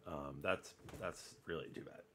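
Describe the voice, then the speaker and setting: A man's voice: a bass voice, a little slow, bright, forceful tone, slight background noise. A man chatting casually and rambling with many restarts while he cleans up crafts and gets ready to listen to a podcast.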